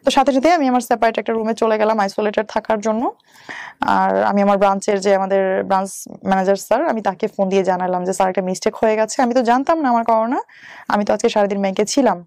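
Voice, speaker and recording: A woman in her thirties with a Bangladeshi accent, a bank employee appearing as an interview guest, tells a personal story step by step and mixes in some English words. Her mid-range, darkish voice stays steady and rapid-fire. The recording is dry and studio quality.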